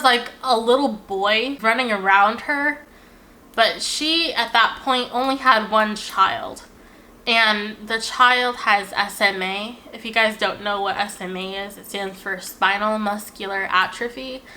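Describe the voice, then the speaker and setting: A young woman telling a personal story in a casual, animated way, swearing often and filling her talk with "like". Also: mid-range voice, slight background noise.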